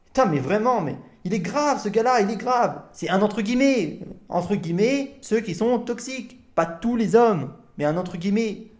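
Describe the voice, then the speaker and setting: Reaction host, indignant and repetitive, mid pitch, argues with the clip on screen. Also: animated, moderate pace. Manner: repetitive, indignant, swears a lot.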